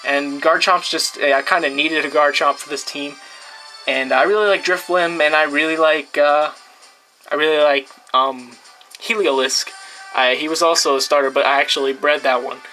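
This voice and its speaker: Young man, casual game talk, bright tone, fillers and restarts. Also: fairly high pitch, steady tone, moderate pace, soft background music, low-quality recording. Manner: rambling, many fillers and restarts. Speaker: gameplay video creator. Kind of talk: casual team showcase.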